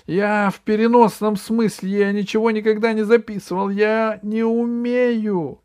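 A man voicing a greedy, panicky male pygmy traitor who shrieks in a high voice. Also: little pitch movement, unhurried, smooth. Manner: screeching, desperate shouting.

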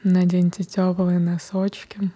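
A woman guides a breathing meditation in a soft, breathy whisper. Her voice is dark and mellow, and it stays low and even, with almost no rise or fall. She moves very slowly and unhurriedly. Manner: soft whispered, slow and calm.

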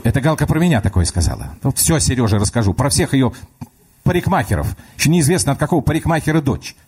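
A man's voice: medium pitch, lively intonation, quick pace, a little mellow, husky, pitched above the performer's own voice. A man voicing a melodramatic, scolding old grandmother in a comic radio story. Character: fussy, wailing old grandmother.

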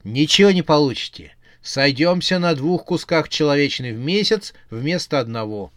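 A man's voice: fairly high pitch, expressive, normal speed, dry recording, lightly acted. Brief: irritable young witch, man reading, scolding, exasperated retorts, dry close sound.

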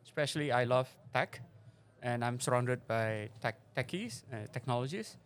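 At a conference forum venue, a middle-aged Indonesian venture investor answers interview questions hesitantly, with lots of fillers and non-native phrasing. His medium-pitched voice has lively intonation and moves at a normal speed.

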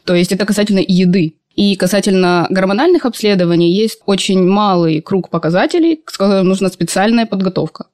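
A woman's voice: medium pitch, quick pace, hardly any pauses, darkish tone, no echo, clean studio sound. A woman speaking as an expert endocrinologist, giving conversational medical commentary in an explanatory, good-humoured way.

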